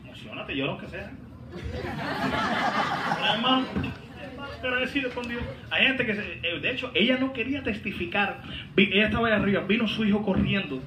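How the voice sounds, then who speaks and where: A man preaching a sermon as pastor, fervent, with sudden shouts and teasing asides. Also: high voice, fast talker. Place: large hall, voice heard from a distance. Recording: echoey hall, distant mic, background noise.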